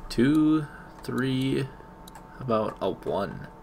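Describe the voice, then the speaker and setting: A man's voice: medium pitch, big pitch swings, drawn-out words, vocal fry, a little mellow, slight background noise. A man giving casual let's-play commentary, muttering to himself with mild exclamations as he plays a video game. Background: video game sound.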